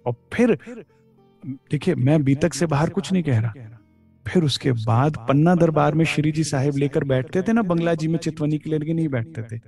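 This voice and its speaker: A man's voice: a little high, normal speed, dark tone, faint music behind. A man giving a devotional discourse, quoting verses and explaining them with frequent chuckles. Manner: explains scripture, quotes verses, chuckles often. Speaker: spiritual speaker.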